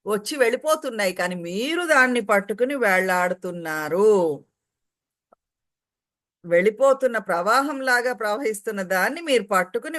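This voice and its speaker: A woman giving a calm, explanatory spiritual talk, reciting Sanskrit verses and acting out everyday quotes. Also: on the high side. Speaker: spiritual teacher translating commentary. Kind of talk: spiritual discourse.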